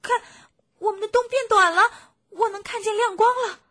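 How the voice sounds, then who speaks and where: A woman voicing frightened little fox cubs in a children's storybook reading, high and shrill. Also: moderate pace, a bit bright, no echo, studio quality. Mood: excited.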